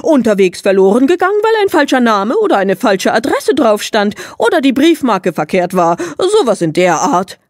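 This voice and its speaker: A woman's voice: on the high side, very animated, no room sound, studio quality, pitched above the performer's own voice. Woman voicing a boastful, brusque hermit lady. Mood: offhand. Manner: rapid boastful chatter, brusque outbursts. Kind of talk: audiobook character voice.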